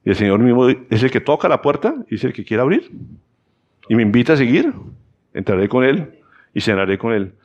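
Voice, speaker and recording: A man's voice: a little fast, pauses often, muffled recording. A man with a Colombian accent preaching a Sunday sermon, telling the story with acted-out voices and frequent checks with the congregation. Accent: Colombian Spanish. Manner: animated storyteller, acts out voices in high pitch, repeats "¿sí o no?". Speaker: pastor.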